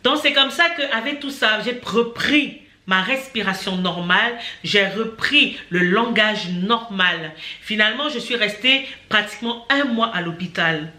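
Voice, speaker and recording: A young woman telling her own story as a personal testimony, animated and often restarting her sentences, invoking God as she goes. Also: mid-range voice, unhurried. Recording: echoey room.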